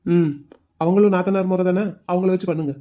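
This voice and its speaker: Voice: mid-range voice, fairly even intonation, fairly quick, mellow, lightly acted. A voice actor playing a curt, protective young husband in a cartoon story, speaking firmly. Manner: firm, curt.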